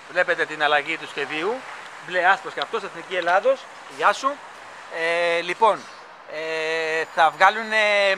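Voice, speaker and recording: A man casually narrating a vlog outdoors on a construction site, chatty and enthusiastic, filmed on a handheld camera mic. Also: high voice. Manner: chatty, rambling, enthusiastic fan talk. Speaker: vlogger filming a stadium construction site. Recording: loud construction site noise.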